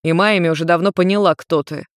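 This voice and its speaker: A woman voicing a blunt, exasperated young man with a low, steady tone. His lines come short and curt. The storybook sound is dry and close. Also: fast, no room sound, lightly acted. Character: irritated young grey-haired man, blunt son.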